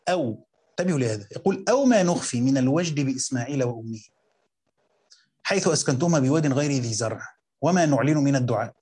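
A man with an Egyptian Arabic accent teaching a Quran commentary lesson, reading quotes slowly and then explaining them in colloquial talk while questioning his students. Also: mid-range voice, expressive, darkish tone, slightly rough.

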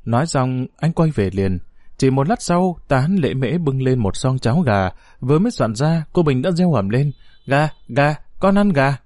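A man's voice: medium pitch, big pitch swings, normal speed, mellow, no room sound, studio quality. A man narrating a story as an audiobook, expressively voicing the characters.

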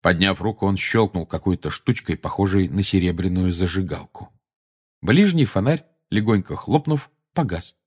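A man narrating an audiobook in a measured storytelling manner. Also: low voice, lively intonation, darkish tone, husky. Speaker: audiobook reader. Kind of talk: scripted narration.

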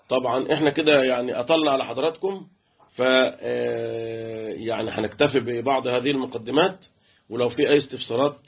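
Over a tinny line that sounds like a phone, an Egyptian-accented man with a husky, medium-pitched voice runs a tajweed class. He chants letters and puts questions to his students about the rules of Quran recitation.

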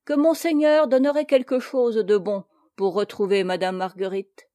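A woman's voice: mid-range voice, fairly even intonation, normal speed, dark tone, dry recording, natural voice. Brief: cunning rustic peasant, fifties, male, fake humility, read by a woman, dry sound. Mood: wheedling. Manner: rustic, evasive, wheedling. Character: sly middle-aged male peasant, falsely humble. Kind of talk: audiobook character reading.

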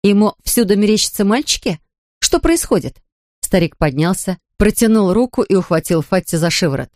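A woman reading a children's storybook aloud with expressive, lively storytelling. Her voice sits in the middle range and the recording is dry and close. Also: mid-range voice, moderate pace, dry recording. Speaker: narrator. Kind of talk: audiobook narration.

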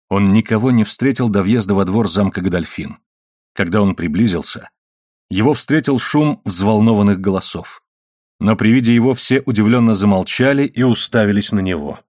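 A man narrates an adventure novel for an audiobook in a low, even voice. The sound is close and dry, with no room around it. He keeps a steady storytelling pace. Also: no echo.

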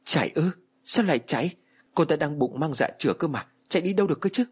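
A man's voice: medium pitch, big pitch swings, fast talker, slightly rough. A man voicing a panicky, anxious young husband who stammers in alarm. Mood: panicked.

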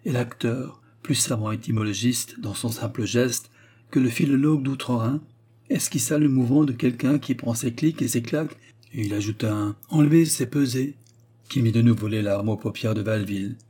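A man reads a classic novel aloud at a measured pace. His voice is dark and mellow with a husky edge. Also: mid-range voice, steady tone. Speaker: audiobook narrator. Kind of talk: scripted narration.

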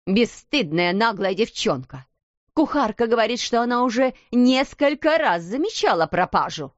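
A woman voicing an angry, harsh headmistress who scolds and shouts, in a muffled, dull recording. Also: a little high, big pitch swings, normal speed, no room sound, voice pushed up. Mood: furious.

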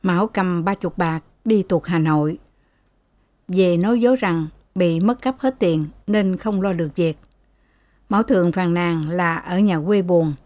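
A woman narrating a novel as an audiobook in a steady, even storytelling voice. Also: lowish voice, unhurried, no room sound.

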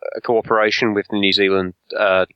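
A man's voice: lowish voice, little pitch movement, fairly quick, clear, resonant tone, no echo, highs cut off. A man co-hosting a casual podcast chat, jokey and hesitant, with lots of ums and restarts. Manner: hesitant, many fillers, jokey. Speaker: podcast co-host.

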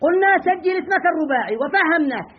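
A male teacher leading a classroom lesson, firing quick questions at his students and scolding them bluntly. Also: extremely high pitch, lively intonation, lo-fi sound. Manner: drills students with rapid quiz questions.

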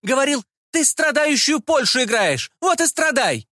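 A man voicing a bold, bitter young peasant actress in an audiobook, shouting and declaiming. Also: very high-pitched, big pitch swings, moderate pace, dry recording, clean studio sound, voice pushed up, full character voice. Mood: defiant. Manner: shouting, then declaiming verse.

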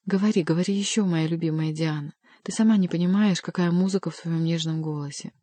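A woman's voice: fairly low pitch, steady tone, fast talker, mellow, dry recording, close to an everyday voice. A woman voicing an ardent young nobleman pleading with his beloved. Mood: tender. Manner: passionate, pleading.

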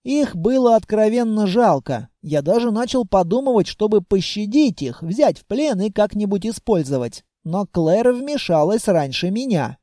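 A reader giving expressive first-person audiobook narration. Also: medium pitch, normal speed, few pauses, no echo, clean studio sound.

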